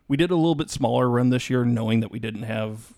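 A man's voice: mid-range voice, fast, creaky, darkish tone, no room sound, clean studio sound. A man co-hosting a podcast, talking in an easygoing way with restarts. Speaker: podcast co-host. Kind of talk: casual chat.

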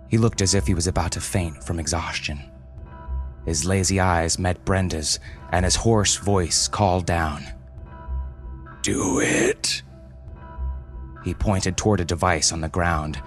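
Deep-voiced male storyteller. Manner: dramatic, measured reading. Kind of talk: scripted storybook narration.

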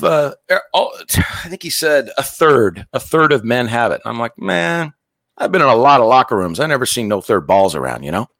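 A man's voice: mid-range voice, creaky, fairly bright tone, dry recording. A middle-aged man telling a long comic story on stage, acting out the other people's lines. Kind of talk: stand-up storytelling.

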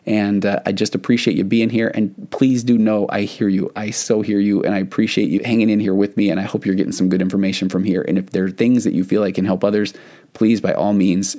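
A man's voice: deep voice, warm tone. A middle-aged man hosting his podcast as a therapist, talking earnestly in a rambling way with many restarts. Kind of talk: solo podcast monologue.

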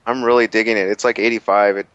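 A man's voice: lowish voice, little pitch movement, fast, fairly bright tone, clean tone, no echo. A man chatting casually as a podcast co-host over a remote connection. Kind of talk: casual chat. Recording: dull lo-fi remote call audio.

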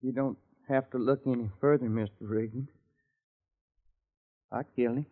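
An actor playing a meek, shaken husband who talks in a halting, stammering, deferential way, in 1940s radio acting style. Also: male voice, mid-range voice, fairly even intonation, natural voice. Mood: subdued. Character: meek, shaken middle-aged husband confessing. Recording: dull old radio recording.

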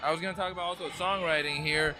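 A male podcast host with a high voice for a man keeps things upbeat at a live event. He throws in playful interjections, and music plays clearly behind him. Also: steady tone, quick pace. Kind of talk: casual chat.

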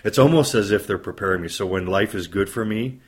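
This pastor in his fifties has a lowish, slightly rough voice and talks fairly quickly. He answers interview questions earnestly and thoughtfully, building lists to drive his points home.

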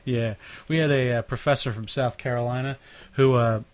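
A man's voice: medium pitch, steady tone, moderate pace. A man hosting a casual podcast, rambling and laughing often, often stumbling and repeating words as he talks. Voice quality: natural mimic who slips into others' accents. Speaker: podcast host. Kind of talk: casual chat.

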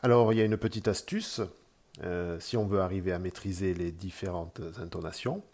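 A man's voice: low-pitched, a little fast, a little mellow. A man hosting a podcast lesson, patiently explaining pronunciation with frequent hesitations. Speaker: podcast host teaching Mandarin tones. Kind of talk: spoken language lesson.

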